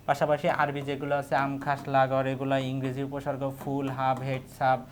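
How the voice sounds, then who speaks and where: A man's voice: mid-range voice, completely flat delivery, moderate pace, a little hiss or hum. A man, a teacher giving an exam review lesson, who reads each question aloud and repeats the answer. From Bangladesh.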